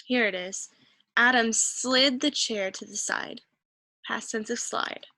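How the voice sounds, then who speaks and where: Encouraging woman teacher, higher voice. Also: slow pace, bright, forceful tone, no room sound. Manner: patient, encouraging, thinks aloud while searching. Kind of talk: reading comprehension lesson.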